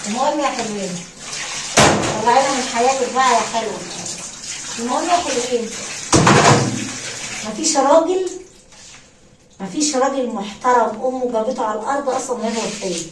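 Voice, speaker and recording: A woman's voice: fairly high pitch, fairly quick, long pauses. A woman with an Egyptian accent telling a story in a chatty way, addressing her viewers fondly and swearing oaths as she goes. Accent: Egyptian Arabic. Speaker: storyteller and vlogger. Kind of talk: casual storytelling while doing housework. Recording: echoey room, distant from mic, clear background noise.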